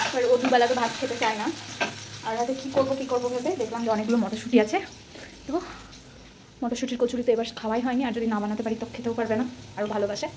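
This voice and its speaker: A woman's voice: a little high, noisy background. A woman in her thirties chatting through a casual home vlog, rambling and correcting herself as she goes. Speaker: vlogger. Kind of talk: casual daily vlog narration. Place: home kitchen and rooftop.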